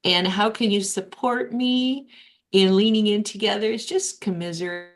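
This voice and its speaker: A woman near retirement facilitating a casual group meeting, playful and quick to laugh. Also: mid-range voice, fairly even intonation.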